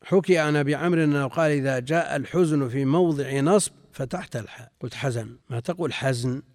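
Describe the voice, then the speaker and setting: A man's voice: mid-range voice, a little mellow, no echo. Dry-voiced man teaching a classical text. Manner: reads quoted sources, then explains in a measured way; repeats phrases and corrects himself mid-word. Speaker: Islamic scholar teaching a text. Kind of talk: classical text lesson with commentary.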